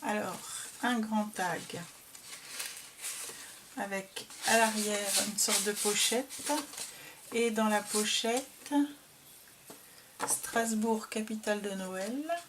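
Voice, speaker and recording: A woman talking casually as she shows and describes a handmade craft album, hesitant and full of pauses. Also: medium pitch, very noisy. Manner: slow, hesitant, filled with "euh". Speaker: craft vlogger showing a received album. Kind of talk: casual show-and-tell.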